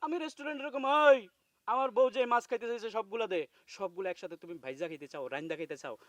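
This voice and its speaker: A man's voice: high voice, no room sound, close to an everyday voice. An actor playing a husband who swings from sweet-talking to bullying his wife, in a comedic TV drama. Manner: blustering, quickly shifting from sweet-talk to bullying.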